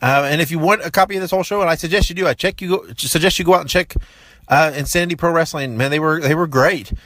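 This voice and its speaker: A man's voice: on the high side, fast talker, fairly bright tone, no room sound. A man hosting a podcast and chatting casually, rambling with restarts as he plugs shows. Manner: rambling with many fillers and restarts. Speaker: podcast host.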